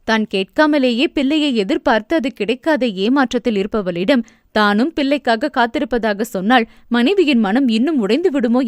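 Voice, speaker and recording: A woman narrates a novel in a steady, storybook manner. Her voice sits on the higher side, and the recording is dry and close with no room sound. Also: dry recording. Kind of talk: scripted narration.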